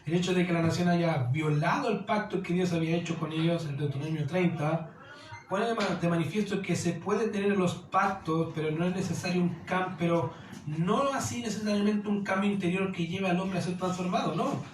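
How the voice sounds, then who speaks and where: A man's voice: high-pitched, a little fast. A man preaching a sermon as pastor, earnest, often asking listeners rhetorical questions and calling them dear. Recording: echoey hall with faint noise.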